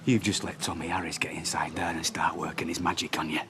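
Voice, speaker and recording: A heartbroken young man, bitter and sarcastic. His voice sits very low. Loud chatter from a busy pub surrounds him. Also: little pitch movement, fast.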